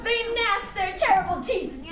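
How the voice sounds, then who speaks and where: With crowd noise around her, a woman with a very high, animated voice takes her time narrating a live school puppet show, prompting and coaching the children through the story. The echoey room is noisy and the mic distant.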